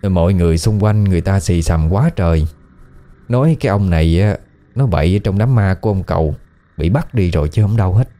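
A man's voice: low voice, fast. A man with a Southern Vietnamese accent, telling a ghost story in a casual, conversational way. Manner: conversational, colloquial, lively storytelling. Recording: faint background music.

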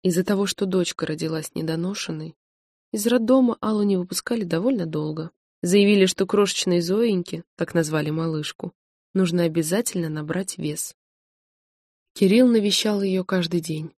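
Female audiobook narrator, steady measured read, low-pitched, dry close mic. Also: dry recording. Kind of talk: scripted narration.

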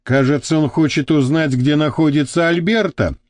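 A man's voice: fairly high pitch, moderate pace, no room sound, close to an everyday voice. A man reading the part of a meddling male journalist who keeps interjecting with questions. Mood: questioning.

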